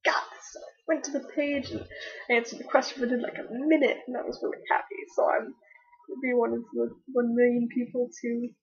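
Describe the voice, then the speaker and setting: A woman's voice: on the high side, flat delivery, brisk, creaky, husky. A young woman vlogging casually from home, rambling chattily with lots of fillers and restarts, recorded on a laptop webcam. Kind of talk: casual chat to camera. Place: at home, laptop on her knees. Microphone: laptop webcam mic. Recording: dull lo-fi webcam audio.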